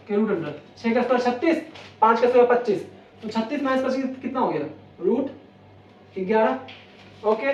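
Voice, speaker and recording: A man's voice: very high voice, a little mellow. A man teaching an exam-prep maths lesson, walking through each step and repeating questions back to the viewer before answering them. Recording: roomy, distant, dull lo-fi sound, faint noise.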